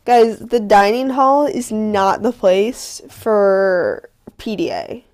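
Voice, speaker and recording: A young woman co-hosting a podcast, telling stories in a casual, animated way with lots of "like" fillers. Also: mid-range voice, slow, a little hiss or hum. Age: young adult. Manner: animated storytelling, many "like" fillers. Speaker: podcast co-host. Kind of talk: casual chat.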